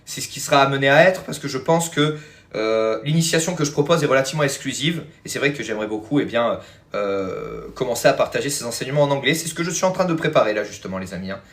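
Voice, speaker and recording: A man's voice: mid-range voice, lively intonation, fast talker. A man hosting a live stream as a spiritual teacher, chatting casually with viewers and answering their comments, with frequent fillers and a habit of addressing them as friends. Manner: rambling, many fillers and "hein", calls viewers "les amis".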